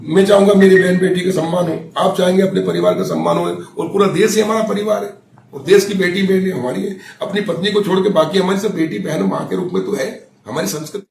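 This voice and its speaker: A man's voice: high-pitched, sing-song, brisk, vocal fry, a little mellow. A man arguing off the cuff as a political panelist, with homespun examples and rhetorical questions. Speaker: political panelist defending a minister. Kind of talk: spontaneous argument in a debate. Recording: echoey, noisy, distant from mic.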